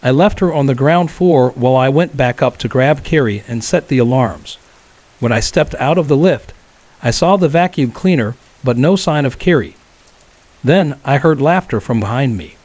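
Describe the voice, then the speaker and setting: A man telling a true horror story as scripted narration, in a calm, measured way. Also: medium pitch.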